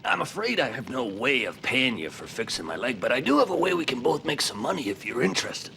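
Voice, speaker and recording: Sneaky sarcastic cartoon schemer, high creaky voice, wheedles a lot. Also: male voice, big pitch swings, moderate pace, a bit bright, slight background noise, full character voice. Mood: wheedling. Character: scheming, sarcastic injured man, a grumbling schemer. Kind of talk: dubbed cartoon acting. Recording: music under the voice.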